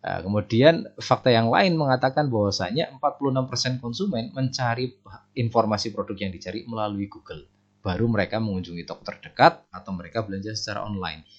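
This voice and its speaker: A man's voice: on the low side, quick pace. A man explaining facts to viewers in a presentation style. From Indonesia. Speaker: business and SEO presenter. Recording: dull lo-fi voice recording.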